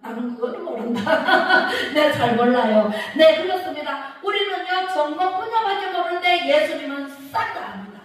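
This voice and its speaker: A woman's voice: high-pitched, expressive, normal speed, few pauses. A woman pastor preaching a sermon, acting out quoted voices and asking the congregation questions. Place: church sanctuary. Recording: echoey church hall from far off.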